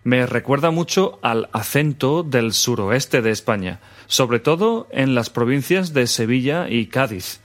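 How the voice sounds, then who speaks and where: A man from teaching phrases in a scripted podcast lesson, repeating them clearly. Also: mid-range voice, lively intonation, unhurried, few pauses. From Spain. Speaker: language teacher, co-host.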